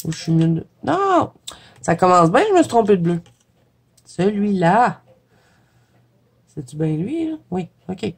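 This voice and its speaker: A woman's voice: on the low side, sing-song, unhurried, pauses often, darkish tone, slightly rough. A woman with a Quebec French accent, congested with a head cold, chatting casually and laughing at herself as she paints for her viewers. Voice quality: chatty, laughs often, self-deprecating. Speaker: watercolor coloring vlogger. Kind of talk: casual chat while painting.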